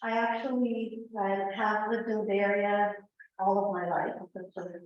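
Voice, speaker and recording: A woman's voice: medium pitch, flat delivery, moderate pace. A woman from El Salvador introducing herself as new staff at a meeting, nervous and hesitant. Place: large meeting room. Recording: echoey dull meeting room audio, faint hiss.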